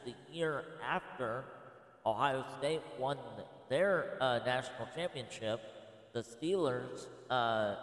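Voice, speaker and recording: A man in his thirties giving a casual, rambling spoken presentation with many filler pauses. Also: mid-range voice. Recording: echoey room with long reverb.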